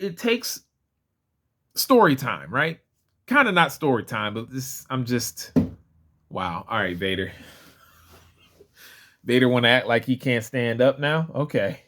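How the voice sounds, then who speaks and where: A man's voice: fairly high pitch, a bit bright. A man vlogging a casual toy figure review, chatty and rambling, often restarting his sentences. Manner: chatty, rambling, self-correcting.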